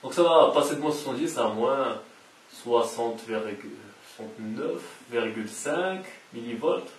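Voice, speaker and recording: A man's voice: medium pitch, lively intonation, normal speed. Man, casual whiteboard lecture, repeats key terms, echoey room, faint hiss. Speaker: science educator. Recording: roomy echo, distant mic, faint hiss.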